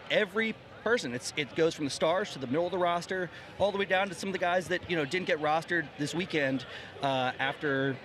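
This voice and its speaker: Choked-up coach with a shaky voice. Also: male voice, a little high. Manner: halting, many restarts and fillers, choked up. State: shaky voice from crying. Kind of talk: emotional post-game interview. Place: outdoor championship stage with a crowd. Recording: crowd noise behind.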